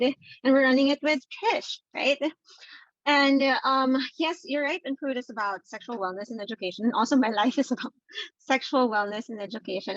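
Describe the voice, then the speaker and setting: A woman's voice: on the high side, fairly bright tone, no room sound, dull audio. A woman, a therapist guest, speaks earnestly in a casual interview with frequent fillers and light laughs. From Philippines. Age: adult with a daughter. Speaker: sex and relationships therapist, guest.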